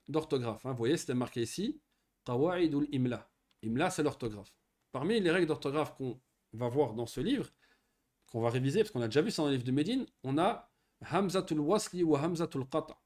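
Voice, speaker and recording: Male teacher, slightly high, very animated pitch; patient, checks in often with young pupils. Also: a little fast. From Morocco. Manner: patient, lively explanations with frequent checking questions. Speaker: Arabic teacher. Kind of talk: online Arabic grammar lesson for children.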